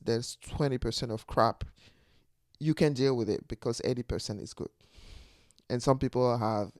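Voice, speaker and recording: A man with a foreign accent talks through his ideas in a loose, reflective monologue and laughs often as he goes. His voice is smooth and resonant, and the recording is close and dry, with no room sound around it. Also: medium pitch, dry recording. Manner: laughs often while talking; speaks with a non-native accent. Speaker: podcast host.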